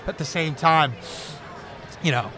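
A man's voice: on the high side, unhurried, sharp tone. A man, a comedy creator chatting casually and rambling with lots of "bro" and "man". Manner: laid-back, rambling, says bro and man. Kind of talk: casual chat.

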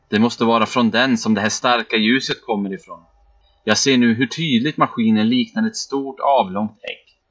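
A man telling a first-person story as scripted narration, in a measured, steady delivery. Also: medium pitch. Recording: dull, muffled recording with faint background music.

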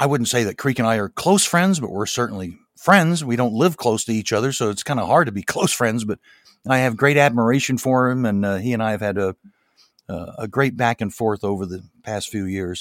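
A man's voice: on the low side, brisk, no room sound, studio quality. A middle-aged or older man hosting a podcast, moving between presenting and interviewing a guest. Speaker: podcast host. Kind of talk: scripted podcast intro and interviewing.

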